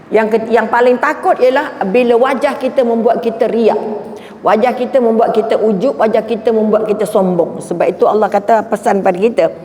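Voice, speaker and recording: A woman's voice: a little high, steady tone, brisk, dark tone. Chatty Malaysian woman in an echoey hall. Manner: chatty and humorous, acts out everyday anecdotes, keeps asking the audience "right?". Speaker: religious speaker. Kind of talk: religious talk to an audience. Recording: echoey hall with faint background noise.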